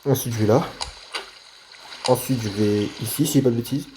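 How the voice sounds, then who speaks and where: A man's voice: mid-range voice, moderate pace, warm tone, slight background noise. Man thinking aloud over a game. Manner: thinks aloud while playing, talks to viewers playfully. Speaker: gaming video creator. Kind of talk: let's play commentary.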